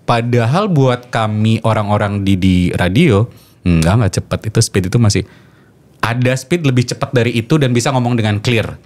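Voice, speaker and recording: Man, radio announcer, fairly low voice, easygoing podcast chat. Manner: relaxed, explains with quick acted examples.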